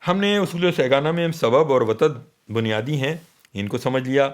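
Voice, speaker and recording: A man teaching the meters of poetry in a radio conversation, patiently counting sounds aloud and checking that his listener follows. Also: medium pitch.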